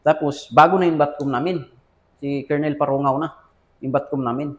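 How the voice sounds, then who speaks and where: A man's voice: fairly high pitch, steady tone, brisk. Filipino army officer telling his story. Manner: addresses listener as sir often, quotes dialogue. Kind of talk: casual interview storytelling.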